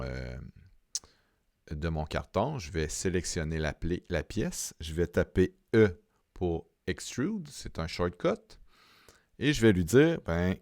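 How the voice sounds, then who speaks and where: A man with a Québécois French accent talking through a software tutorial step by step, halting often with fillers and repeated words. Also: sits low, dry recording, clean studio sound. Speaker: software instructor. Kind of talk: screen-recorded software tutorial.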